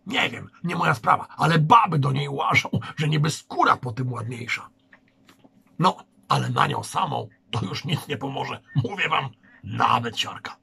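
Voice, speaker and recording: Man reading as a scared pale youth, hushed and fearful, gravelly voice. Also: mid-range voice, lively intonation, normal speed, full character voice. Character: frightened pale youth, telling of a witch.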